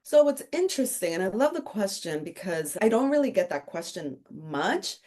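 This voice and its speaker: A middle-aged Dominican woman, appearing as a podcast guest, jokes her way through her career story in a casual interview chat. She works as an author and consultant. Her mid-range voice is very animated and darkish in tone, moving at a moderate pace.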